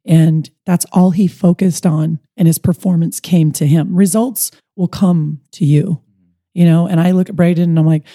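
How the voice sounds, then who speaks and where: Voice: medium pitch, moderate pace, dry recording, studio quality. A mental performance coach for baseball players, telling stories earnestly in a casual podcast conversation. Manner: earnest, storytelling, animated retelling with quoted dialogue.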